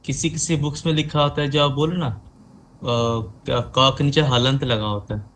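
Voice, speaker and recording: A man asking his teacher questions in an online class, speaking slowly and hesitantly. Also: mid-range voice, fairly even intonation, fairly bright tone, slight background noise. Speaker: student. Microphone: video call.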